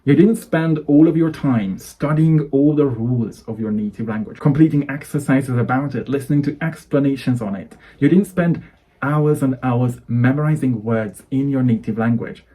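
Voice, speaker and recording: Earnest and persuasive, a native Hungarian speaker from Hungary coaches English to camera in his Hungarian accent, stringing together lists of useful phrases. He talks at a moderate pace with a mellow, medium-pitched voice, and the recording quality is low.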